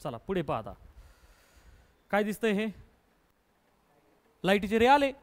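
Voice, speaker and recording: High-voiced quizzing physics teacher. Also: male voice, very animated. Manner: quizzes students with rapid repeated questions; mixes English terms into his talk. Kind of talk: classroom lesson.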